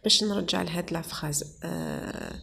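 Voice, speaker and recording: Algerian woman teacher, lowish gravelly voice, slow French dictation, quick Arabic asides. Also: in a large hall, background noise. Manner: reads French sentences slowly, explains briskly in Algerian Arabic. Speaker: primary school teacher. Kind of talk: exam-prep lesson.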